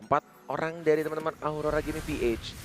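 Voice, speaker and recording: A man's voice: on the high side, flat delivery, fast talker. An Indonesian man giving live game commentary as an esports caster.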